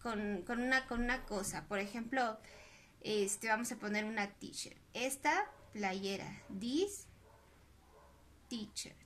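Slow, bright-voiced teacher drilling words. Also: female voice, fairly high pitch, expressive, a little hiss or hum. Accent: Mexican Spanish. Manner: slow, drawn-out pronunciation drills mixing Spanish and English. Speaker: English teacher. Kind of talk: recorded online class for young children.

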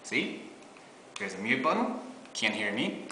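A man in his twenties, a product presenter, gives a laid-back, informal demo in a small bare meeting room. His mid-range voice is very animated yet measured in pace, with a sharp tone. A camera on the table, about arm's length away or farther, picks up an echoey room, faint music and slight background noise.

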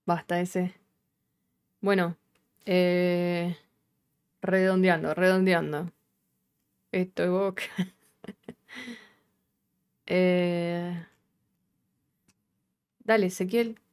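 A woman's voice: on the low side, little pitch movement, extremely slow, long pauses, darkish tone, clean tone. Chatty Argentine woman, live coding stream. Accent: Rioplatense Argentine Spanish. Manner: chatty, thinks aloud, swears casually.

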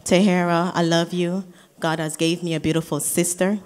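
A woman giving a wedding toast as the groom's sister, preaching and building to shouted declarations in a reception hall. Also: fairly low pitch, little pitch movement, normal speed.

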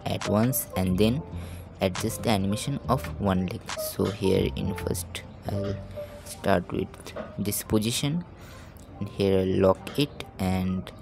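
A man narrates a software tutorial in a low, gravelly voice, calm and hushed. He talks very slowly and haltingly, thinking aloud close to the mic, with music behind him. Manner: slow, calm, hushed talk. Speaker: tutorial host. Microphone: microphone held close to the mouth.

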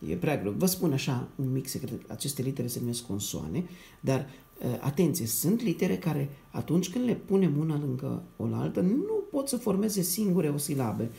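Gravelly-voiced man teaching children to read. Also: fairly high pitch, big pitch swings, dark tone. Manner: repeats syllables slowly and checks in with "da?"; patient, encouraging tone. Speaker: primary school teacher. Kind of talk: reading lesson for young children.

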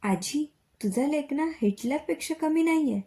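Young college guy in a storybook, playful and cheeky, mellow voice, as a woman narrator puts him on. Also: high voice, expressive, normal speed, pitched above the performer's own voice. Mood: coaxing.

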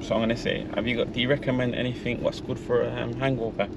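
This young British vlogger's voice is medium-pitched and gravelly, delivered flat and fast, as he chats informally in slang and pranks drive-throughs from his car. The engine and an outdoor hum make the car interior noisy.

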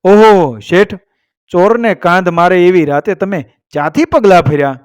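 A crafty, scheming trickster, as a man puts him on in a spoken folk tale, haggling in a sly, knowing way. The voice sits a touch high for a man. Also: moderate pace, clean tone, close to an everyday voice. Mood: brusque. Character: crafty scheming male trickster, middle-aged.

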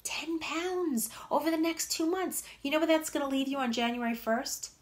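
A woman's voice: high-pitched, moderate pace. A woman in her fifties, a fitness and nutrition coach, giving blunt, emphatic motivational talk to viewers on a live stream. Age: 50s. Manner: blunt, emphatic, repeats points for punch.

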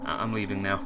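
Jumpy male horror game streamer, swooping pitch. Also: noisy background. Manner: jumpy, scared horror streamer, breaking into exclamations; self-deprecating, rambling to viewers. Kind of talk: casual live gameplay commentary of a horror game.

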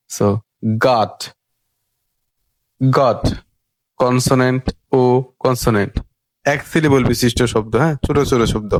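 A man gives an English pronunciation lesson, repeating short words several times so learners can follow. His voice sits at an ordinary middle pitch. The recording is close and dry, with no room sound. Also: no room sound. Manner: slow, repetitive drilling of words. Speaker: English teacher. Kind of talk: spoken language lesson.

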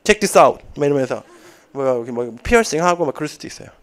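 High-voiced male English test instructor in his thirties, animated and jokey, given to chatty tangents mid-lecture. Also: brisk. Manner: joking, chatty, rambling asides. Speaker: TOEIC instructor. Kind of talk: lively classroom lecture. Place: lecture classroom.

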